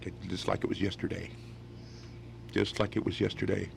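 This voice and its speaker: Gravelly-voiced man from West Virginia in his 50s. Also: low-pitched, level tone, normal speed, a little mellow, slight background noise. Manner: rambling, repeats words and restarts often. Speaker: guest musician. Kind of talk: radio interview storytelling.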